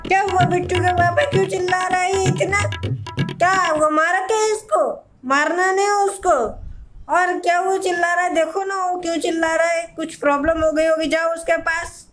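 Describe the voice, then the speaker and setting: Young man doing a loud bossy mother. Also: very high-pitched, steady tone, normal speed, faint music behind. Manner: shouting, bossy. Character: loud bossy mother siding with her son.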